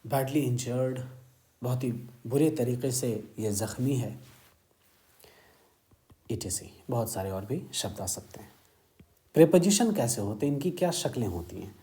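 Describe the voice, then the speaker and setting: A man with an Indian accent teaching English grammar, explaining word meanings slowly and moving between Hindi and English. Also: mid-range voice, lively intonation, dark tone. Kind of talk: grammar lesson lecture.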